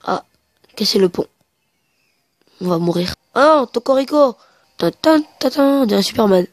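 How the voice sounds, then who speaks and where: A higher-pitched woman chats her way through a video game, stumbling over words and reading the characters' lines aloud. She sounds sniffly from a cold, and her headset mic gives a dry, close sound with no room around it. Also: animated, moderate pace, no echo. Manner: chatty, hesitant, reads in-game dialogue aloud. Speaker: let's play gamer. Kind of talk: casual game commentary.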